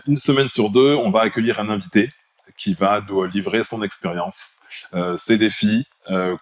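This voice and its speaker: A man with a baritone voice co-hosting a podcast in casual, informal chat. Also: no room sound. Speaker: podcast co-host.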